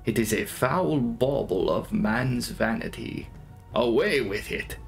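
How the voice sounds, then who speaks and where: A man voicing a menacing, commanding vampire count in a gothic audiobook, speaking slowly and deliberately. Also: mid-range voice, expressive, creaky, soft background music. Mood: contemptuous fury. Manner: slow, deliberate, ominous. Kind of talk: dramatic audiobook reading of gothic novel.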